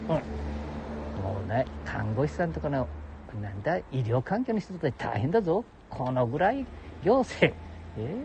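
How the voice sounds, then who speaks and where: Gruff older man, heavy ramble. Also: on the high side, sing-song, moderate pace, a little mellow, slight background noise. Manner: gruff, jokey, talks to listeners as "お前". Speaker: solo audio show host. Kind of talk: rambling casual monologue. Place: outdoors beside a public toilet.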